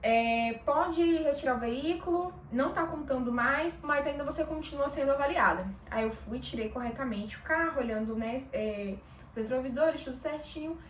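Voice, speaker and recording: A woman with a high voice tells a personal story to the camera, casual and animated, briefly acting out bits of dialogue. She sounds a little far from the mic in an echoey room, with faint noise behind her. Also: moderate pace. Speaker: vlogger.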